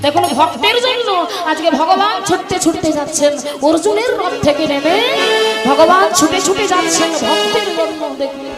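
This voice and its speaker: Animated woman kirtan storyteller. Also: very high voice, moderate pace. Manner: animated, addresses the audience directly. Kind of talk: devotional storytelling sermon. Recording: echoey stage with loud music.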